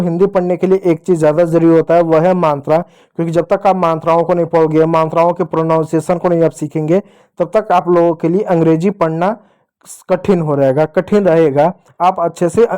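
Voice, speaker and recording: A man teaching young children how to read Hindi, patiently repeating each sound slowly and speaking straight to the kids. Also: fairly high pitch, fairly even intonation, warm tone, clean tone.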